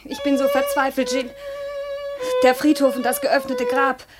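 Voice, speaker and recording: An actress playing an anxious, fragile widow in a 1950s radio drama, speaking in a breathy voice that often drops to a whisper. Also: female voice, high-pitched, sing-song, normal speed, loud music behind the voice. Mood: emotional.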